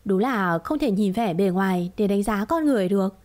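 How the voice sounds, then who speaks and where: A woman reading a romance drama story aloud in a steady, dramatic storytelling manner. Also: medium pitch, brisk. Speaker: narrator. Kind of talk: scripted story narration.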